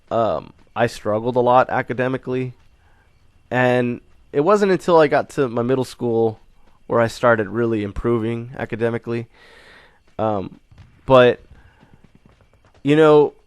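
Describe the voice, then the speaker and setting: A young gaming channel host with a mid-range voice gives a rambling, casual update on a dry recording. He's recovering from a cold and keeps restarting, with plenty of fillers.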